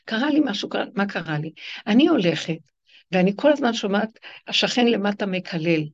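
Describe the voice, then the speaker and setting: A woman teacher gives a spiritual lecture to her class, her voice rough and gravelly. She talks emphatically and acts out the people in her stories. The recording is dull and lo-fi. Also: medium pitch, lively intonation. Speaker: religious teacher leading women's classes.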